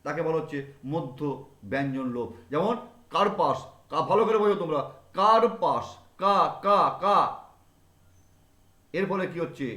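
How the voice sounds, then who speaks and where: Guy teaching grammar, says the example words again and again, kinda high voice, echoey room. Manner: repeats example words aloud to stress them. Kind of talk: classroom grammar lesson.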